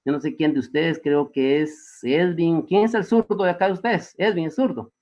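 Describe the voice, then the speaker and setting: A man's voice: a little high, moderate pace, a little mellow, highs cut off. A man, lecturing his students and firing off rhetorical questions with frequent tag questions. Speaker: teacher.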